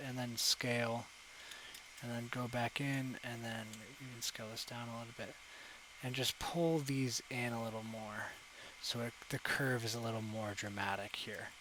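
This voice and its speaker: A man's voice: mid-range voice, a bit bright, a little hiss or hum, poor audio. A young man talking through a live digital sculpting session at his desk mic, thinking aloud with lots of fillers and self-corrections. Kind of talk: casual live tutorial commentary. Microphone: desk microphone.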